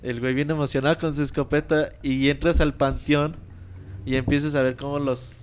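A man's voice: on the high side, flat delivery, normal speed, clean tone. A man with a Mexican Spanish accent hosting a casual podcast chat, talking in slang and acting out bits of dialogue as he retells game scenes. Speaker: podcast host.

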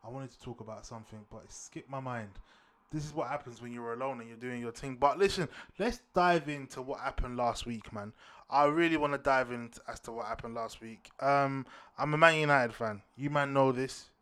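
A man with a London roadman accent chats as a solo podcast host. His talk is loose and full of urban British slang, with repeated phrases and direct address to his listeners. His pitch sits in a middle range for a man. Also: brisk. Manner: slangy, repetitive shout-outs and addresses to listeners. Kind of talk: casual solo sports podcast chat.

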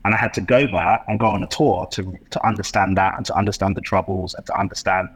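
Low, husky-voiced man. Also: fairly even intonation, fast, rough recording. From West London, England. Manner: reflective, impassioned, talks in long rambling runs with restarts. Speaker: podcast guest, entrepreneur. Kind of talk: casual interview chat.

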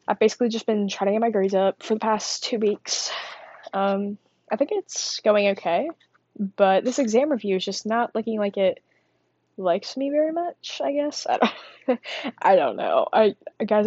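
This student vlogger is a teen girl who wanders from thought to thought in a chatty, self-deprecating monologue packed with fillers, sounding breathless. Her voice sits mid-range, captured close in a small quiet space, so the sound is dry and dull with no room tone.

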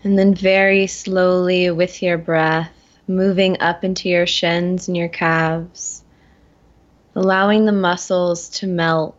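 A woman leading a guided meditation in a gentle, soothing manner, slowly and with long pauses. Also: on the low side, level tone, dull audio. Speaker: guest guiding a meditation.

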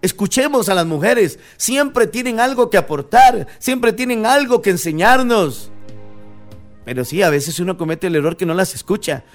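A male pastor with a fairly high voice delivers a sermon in a church service. He talks in an animated, playful way, throws questions at the congregation and reads scripture aloud. Soft music plays faintly behind him. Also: moderate pace.

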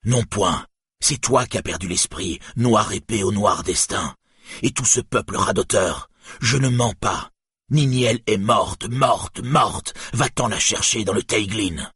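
A man's voice: low-pitched, unhurried, a bit bright, breathy edge, no room sound, studio quality, full character voice. A man voicing a bitter, grief-stricken lame man in an audiobook reading. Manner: bitter, anguished.

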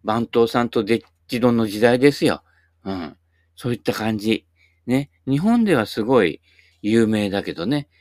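A man's voice: lowish voice, expressive, moderate pace, darkish tone, no room sound, clean studio sound. A man in his sixties talking in a folksy, rambling way, full of asides and tag words, as he hosts his own channel. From Japan. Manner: chatty, folksy, many tag particles and asides. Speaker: YouTube host. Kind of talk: casual rambling monologue.

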